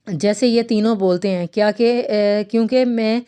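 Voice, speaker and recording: A woman's voice: mid-range voice, steady tone, clear, resonant tone, lightly acted. A woman voicing an affectionate middle-aged mother-in-law in a romantic novel read aloud. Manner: warm, coaxing.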